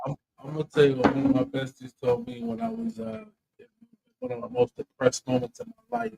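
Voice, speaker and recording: Comedian guy chatting and cussing, keeps saying "you know", voice a bit high. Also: sing-song, brisk, creaky, warm tone, breathy edge, low-quality recording. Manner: loose, profane, emphatic with repeated asides. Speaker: comedian and co-host. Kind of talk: casual chat, personal storytelling.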